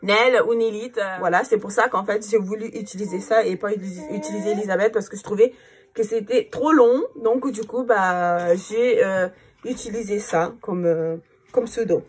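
A woman's voice: medium pitch, moderate pace, slight background noise. A woman in her thirties with a Cape Verdean Portuguese accent, chatting casually to the camera as a vlogger, with lots of fillers. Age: 30s. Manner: chatty, many fillers, distracted by her child.

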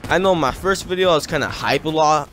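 A man's voice: on the high side, quick pace, a bit bright, a little hiss or hum. A teenage boy from California tells a rambling story over gameplay, full of "like" fillers and trailing off. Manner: rambling, filler-heavy, laughs between lines. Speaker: gaming YouTuber.

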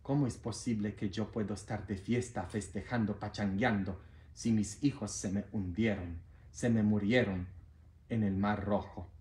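A man voicing God as a sorrowful old father who weeps over his lost children, speaking low and slow. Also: steady tone, mellow, slight background noise, natural voice. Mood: grieving. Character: grieving God, an old father weeping in a corner. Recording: roomy echo.

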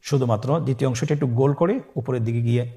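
This Bangladeshi Quran teacher speaks very fast in a mid-range voice with a steady tone. In his recorded lesson he patiently elongates and projects each letter name for listeners to repeat.

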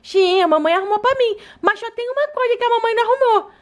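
A woman voicing a cheeky, scheming baby doll girl in a toy play video, in a high childlike voice. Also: quick pace. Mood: wheedling.

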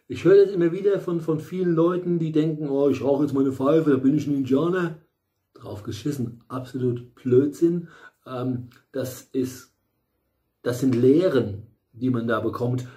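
Rambling man with a dark, mellow voice. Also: mid-range voice. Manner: rambling, many fillers and restarts, blunt asides. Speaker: tarot reader. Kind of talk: casual monthly tarot reading. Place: small room at home, in front of a bright window.

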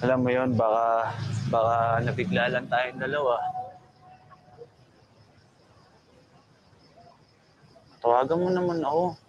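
A man's voice: medium pitch, fairly even intonation, normal speed, lo-fi sound, natural voice. A young man with a Filipino accent playing a heartbroken, pleading, drunk boyfriend in a naturalistic film drama, outdoors at night. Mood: apologetic, pleading. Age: young adult. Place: open-air bar at night. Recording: noisy outdoor night ambience.

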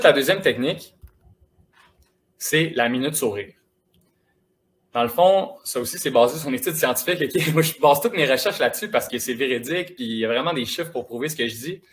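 A young man with a Quebec French accent giving a lively, casual, encouraging motivational talk to students in a school auditorium. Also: medium pitch. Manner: lively, casual and encouraging, addressing the audience directly. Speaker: motivational speaker.

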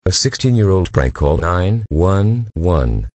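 A young man putting on a low, drawling voice to play a gruff male police officer. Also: big pitch swings, takes it slowly, a little mellow, no room sound, exaggerated voice.

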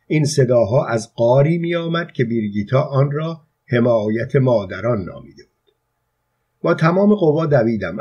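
A man narrating a novel as an audiobook in a steady, measured reading style. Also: mid-range voice, husky. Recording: dull lo-fi recording.

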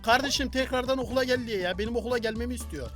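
A young man doing loud, joking gameplay commentary and talking back to the game characters as he plays. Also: very high voice, very fast, music in the background. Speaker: gaming YouTuber.

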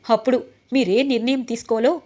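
A woman's voice: a little high, steady tone, fairly quick, warm tone, lo-fi sound, close to an everyday voice. A woman reading the lines of an angry, defiant young man who has been drinking.

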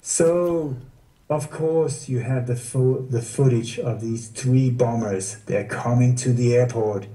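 A man speaks at an average pitch with a very dark, mellow tone, sounding well back from the microphone. His voice carries a noticeable room echo. He talks as a guest in a casual interview, often poking at his subject with sarcastic rhetorical questions. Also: steady tone, slow pace. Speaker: guest researcher. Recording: distant roomy mic.

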